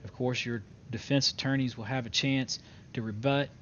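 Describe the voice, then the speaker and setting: A man's voice: steady tone, fairly bright tone. Dull, noisy recording of a formal courtroom man. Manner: formal court-clerk announcing, hesitant with frequent pauses. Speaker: judge in an online role-play game. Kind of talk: improvised courtroom role-play, formal court proceedings. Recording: dull lo-fi mic with clear rumbling noise.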